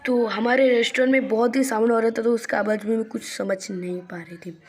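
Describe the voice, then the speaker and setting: A woman's voice: fairly high pitch, fairly even intonation, brisk, a little mellow. A woman casually telling a long first-person story, rambling and repeating herself with many fillers and restarts.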